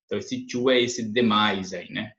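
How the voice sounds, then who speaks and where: A man with a Brazilian Portuguese accent, teaching an English lesson, patiently explaining sentences, often adding "né?", reading examples slowly. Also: lowish voice, fairly even intonation, fairly bright tone. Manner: patient explanations, frequent "né?" tag questions. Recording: echoey room, dull lo-fi sound.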